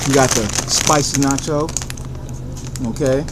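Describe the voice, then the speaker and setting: An American man hosts a casual, enthusiastic food review, speaking straight to viewers with catchphrases and answering his own questions. His mid-range voice keeps a measured pace, and the recording is very noisy.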